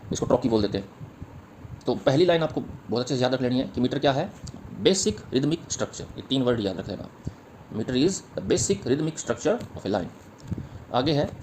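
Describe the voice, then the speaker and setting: A male literature teacher races through an exam-prep lecture at a rapid clip. He repeats the key points and sounds out rhythms aloud. His pitch sits right in the middle for a man. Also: noisy background. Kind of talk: exam-prep lecture mixing Hindi and English.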